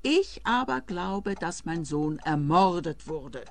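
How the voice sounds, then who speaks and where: An actress playing a grieving, insistent mother of nearly eighty in a radio play, speaking with halting emphasis. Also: on the low side, animated, no room sound. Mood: bitter, suspicious. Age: 70s. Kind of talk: scripted radio play acting.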